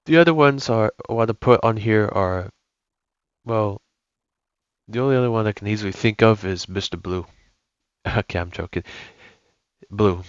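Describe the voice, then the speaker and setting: A young man talks through a music game in a loose, rambling way and often stops to correct himself. His voice sits a little low. The recording is dry and slightly dull. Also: normal speed, long pauses, clear, resonant tone, dry recording. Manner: rambling, self-correcting, enthusiastic. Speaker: gaming YouTuber. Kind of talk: casual gameplay commentary.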